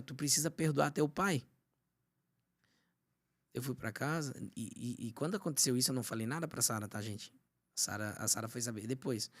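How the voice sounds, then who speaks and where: Pastor guy, emotional testimony, goes quiet and hushed a lot. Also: medium pitch. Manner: storytelling, often drops to a hushed voice. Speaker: pastor, podcast guest.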